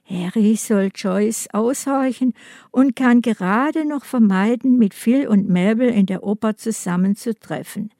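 A woman narrating a crime audiobook in a calm, measured reading style on a close studio mic. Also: a little high, dry recording. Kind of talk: scripted narration.

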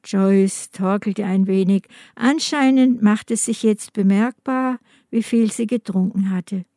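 A woman reads a crime story in calm, measured scripted narration. Her delivery is very slow and her tone is mellow. The close studio sound is dry. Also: mid-range voice, no echo. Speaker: audiobook narrator.

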